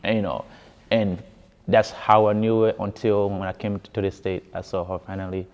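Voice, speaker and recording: The voice is male, fairly low and a little mellow, with flat delivery at normal speed. He is a Ghanaian-accented musician from West Africa who grew up in Ghana, telling his story in a casual interview and repeating words for emphasis. The sound is dull and muffled, recorded in an echoey hall.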